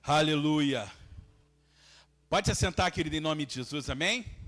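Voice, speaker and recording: A man's voice: on the high side, expressive, fast talker, noisy background. A man with a Brazilian Portuguese accent, a pastor preaching and praying fervently in a preaching cadence. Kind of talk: sermon and fervent prayer.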